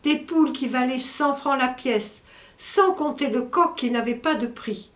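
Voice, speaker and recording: A woman's voice: high voice, a little slow, pitched above the performer's own voice. A woman doing a wailing distraught old manservant. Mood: plaintive. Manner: wailing, breathless exclamations. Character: distraught old male household servant. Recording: roomy echo.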